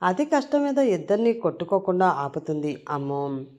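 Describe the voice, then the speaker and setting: A woman's voice: fairly low pitch, big pitch swings, normal speed, darkish tone. Woman storyteller reading a serial. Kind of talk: audio story narration.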